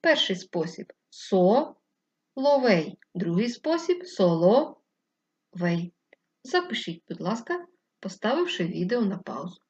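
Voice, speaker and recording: A woman teacher giving a slow, clear first-grade lesson, patiently spelling words out syllable by syllable. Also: medium pitch, very animated. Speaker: primary school teacher. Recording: slightly dull lo-fi recording.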